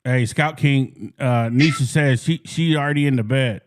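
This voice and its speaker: A man hosting a casual sports talk show, folksy, clearing his throat often and repeating words as he starts. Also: medium pitch, moderate pace. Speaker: podcast host.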